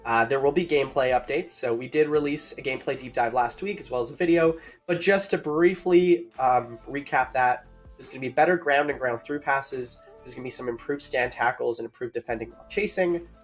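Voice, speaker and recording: A man's voice: medium pitch, a little fast, faint music behind. A man co-hosting a mobile game livestream, upbeat and chatty, greeting viewers in chat and sounding a bit out of breath.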